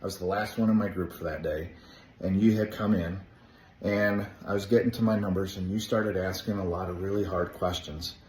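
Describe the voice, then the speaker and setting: A man's voice: deep voice, steady tone, a little fast, darkish tone. A man who owns a painting business giving a casual, friendly thank-you on video, with some fillers. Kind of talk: recorded video testimonial. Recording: echoey room with faint noise.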